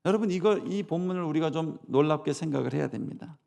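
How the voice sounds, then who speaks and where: A middle-aged man, a senior pastor preaching a sermon, who jumps from loud dramatic scripture quotes to soft asides and leads the congregation in repeating lines. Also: fairly high pitch, fast, creaky.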